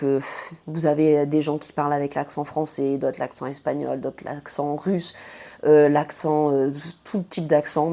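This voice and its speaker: Answering viewer questions in a casual chat to camera, a Frenchwoman with a French accent fills her speech with fillers and corrects herself often. She has a low voice with a warm tone.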